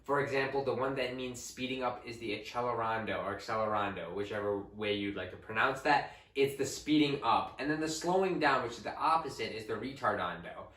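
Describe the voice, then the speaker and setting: A young man with a bright, forceful voice explains music in a relaxed, chatty way. He sounds a little away from the mic, and the room gives an echo. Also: medium pitch, brisk, hardly any pauses, far from the mic. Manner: relaxed, conversational, with fillers. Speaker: co-host music teacher. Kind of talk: casual explanatory lesson.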